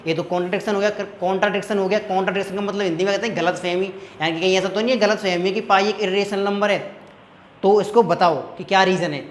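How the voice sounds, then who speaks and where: A man teaches a maths lesson in a room that rings with echo and carries a faint hum. His voice sits a little high, and he talks students through each step, stopping often to check that they follow. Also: fairly even intonation, quick pace. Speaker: maths tutor.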